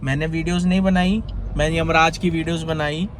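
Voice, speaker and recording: Indignant high-voiced man ranting from his car. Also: steady tone, a little fast, a little hiss or hum. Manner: indignant, rambling, repeating himself. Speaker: content creator. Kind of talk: agitated vlog rant to viewers. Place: in a car on a highway.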